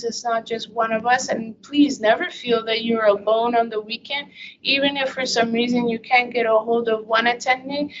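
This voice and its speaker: A woman physician giving a case-based medical lecture in a chatty, anecdotal storytelling manner. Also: on the high side. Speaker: infectious disease physician lecturing. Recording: dull lo-fi audio with faint hiss.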